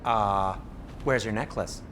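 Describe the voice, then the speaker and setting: An actor playing an anxious, squeamish dwarf blacksmith in a video game, fretful, hesitant and expressive. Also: male voice, fairly low pitch, takes it slowly, a little hiss or hum. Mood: anxious, probing. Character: fussy, anxious male dwarf blacksmith, squeamish and guilt-ridden. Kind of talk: video game dramatic acting.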